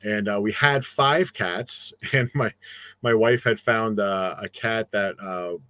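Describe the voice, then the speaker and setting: A man's voice: on the low side, slow, sharp tone, no room sound. A middle-aged man with a New Jersey accent, chatting casually as a guest and rambling with many fillers and restarts. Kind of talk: casual chat.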